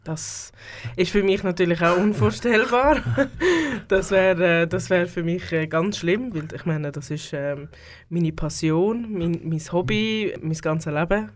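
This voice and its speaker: A woman speaks with a Swiss German accent as a studio guest on a radio talk show. She hesitates often, filling pauses and restarting her sentences. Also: lowish voice. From Switzerland. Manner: hesitant, many fillers and restarts. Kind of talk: radio interview.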